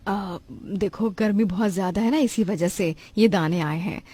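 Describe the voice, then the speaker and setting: A woman playing a kind, patient mother who sells vegetables, speaking gently and reassuringly. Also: mid-range voice, moderate pace, slightly rough, natural voice. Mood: gentle.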